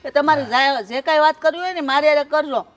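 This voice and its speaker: A woman's voice: sits high, fast, close to an everyday voice. A woman playing a controlling older mother who scolds and commands her son. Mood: domineering. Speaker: domineering mother. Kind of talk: Gujarati film drama.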